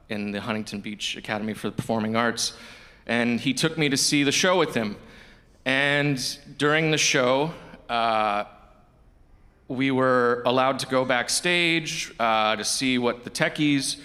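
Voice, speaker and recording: Son at a memorial, slow and hesitant delivery, crisp voice, long reverb of a large hall. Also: male voice, medium pitch, pushed and bright. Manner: hesitant, with frequent ums. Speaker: son of the deceased, memorial speaker. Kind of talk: memorial speech.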